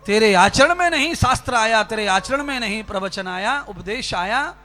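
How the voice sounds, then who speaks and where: A fervent male preacher with a strikingly high, bright, ringing voice delivers a spiritual discourse. He talks straight to his listeners with rhetorical questions. Faint music plays behind him. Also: expressive, normal speed. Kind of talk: Hindi religious discourse.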